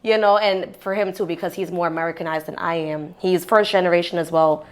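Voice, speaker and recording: Animated Guyanese-born woman telling stories. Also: lowish voice, a little fast, clear, resonant tone. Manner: animated storyteller, acts out the people she quotes. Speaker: podcast guest. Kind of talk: casual storytelling.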